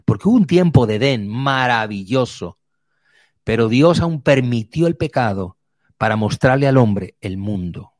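A man preaching a sermon, vivid, moving between quick runs and slow emphatic words. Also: medium pitch, expressive, a little mellow, no echo, studio quality.

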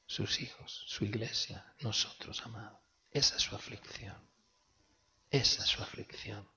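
A man preaching a sermon, swinging between loud, intense exclamations and hushed, whispered passages. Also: fairly low pitch, a little slow, husky, highs cut off. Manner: dramatic swings from shouting to whispering.

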